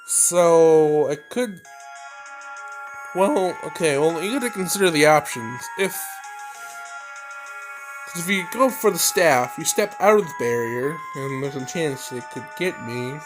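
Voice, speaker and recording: With a fairly high voice and lively intonation, a man takes his time playing through a visual novel, reading the narration aloud. He reacts in slangy, exclamatory, casual speech while background music plays prominently.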